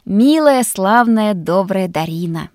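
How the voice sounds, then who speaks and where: A woman voicing a cheeky young male student who whines and flatters to get fed. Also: medium pitch, normal speed, no room sound, clean studio sound, natural voice. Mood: wheedling. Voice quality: wheedling, whiny when pleading. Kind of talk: audiobook character voice.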